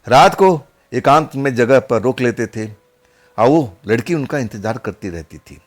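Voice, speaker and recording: A man's voice: medium pitch, lively intonation, a little slow. A man narrating a horror story in a casual, conversational way, often repeating his phrases.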